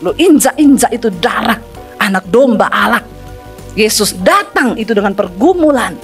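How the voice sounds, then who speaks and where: A woman's voice: fairly high pitch, animated, normal speed, soft background music. A middle-aged woman pastor preaching a sermon, emphatic and scolding as she addresses the congregation directly.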